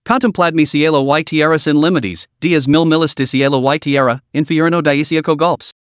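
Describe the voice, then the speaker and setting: A man's voice: a little high, fairly even intonation, moderate pace, clean tone, no room sound, studio quality, close to an everyday voice. A man reading the lines of a cocky three-year-old boy cultivator in a smug, taunting manner.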